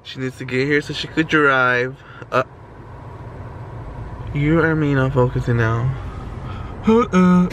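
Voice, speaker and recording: A young adult vlogger chats casually and playfully to his camera, set at arm's length or on a counter, tossing out slang and campy asides. His medium-pitched, fairly bright voice moves slowly with long pauses, over faint room and car noise.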